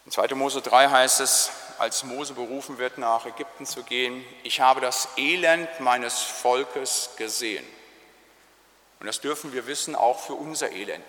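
A man's voice: mid-range voice, a bit bright. Solemn preacher man in a reverberant church. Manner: solemn, slows down on key phrases. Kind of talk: sermon.

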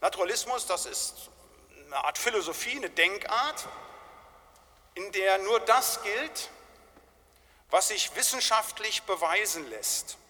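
A man's voice: sits high, animated, slow, long pauses, pushed and bright, big-room sound. A man preaching a sermon as pastor, emphatic and peppering his points with tag questions. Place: church.

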